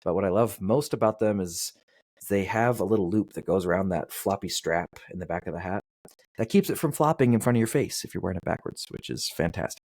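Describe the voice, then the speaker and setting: A man's voice: deep voice, a little fast, darkish tone, no room sound. A male podcast host who reads an ad with enthusiasm and chats with a guest in a casual, upbeat way. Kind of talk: podcast interview and ad read.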